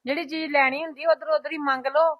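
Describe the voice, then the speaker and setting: A Punjabi woman acting an aunt in a village family drama, calmly advising the younger women not to fight. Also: high-pitched, fast talker, muffled recording. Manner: calm, soothing, advising elder tone.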